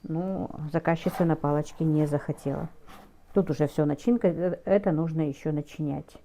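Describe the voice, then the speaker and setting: A middle-aged woman chatting casually in a home cooking vlog, speaking haltingly and often correcting herself as she goes. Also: deep voice, warm tone, slight background noise. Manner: halting, with hesitant self-corrections. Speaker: home cook taking food orders, vlogger.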